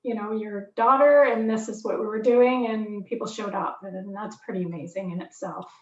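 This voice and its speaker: A woman's voice: medium pitch, steady tone, moderate pace. A woman hosting an interview, chatting casually and teasing her guest with easy laughter. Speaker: interviewer, outreach coordinator. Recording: roomy, distant and dull.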